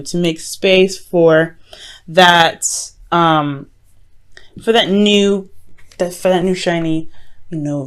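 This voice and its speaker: A woman giving a mystical tarot horoscope reading in a casual, conversational way, advising listeners directly and often circling back to rephrase herself. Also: fairly low pitch. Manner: hesitant, often repeats and rephrases phrases. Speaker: tarot reader.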